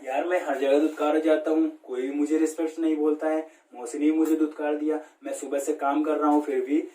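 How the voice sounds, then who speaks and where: A man's voice: fairly high pitch, level tone, fairly quick, dark tone, natural voice. Give me a sulky young villager who feels hard done by, as a man puts him on, recorded from afar in an echoey room. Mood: self-pitying. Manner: complaining, sorry for himself. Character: young village man, downcast and self-pitying. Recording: roomy echo, distant mic.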